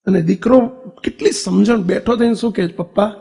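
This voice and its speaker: Husky gravelly high-voiced male preacher. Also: normal speed, warm tone, long reverb tail. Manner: addresses listeners as devotees, asks for raised hands; acts out family dialogue in story. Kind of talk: sermon with told story.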